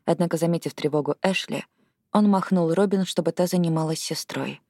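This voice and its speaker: A woman narrating an audiobook, reading in an expressive way that rises with the action. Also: lowish voice, fairly quick, no echo, clean studio sound. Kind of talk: scripted narration.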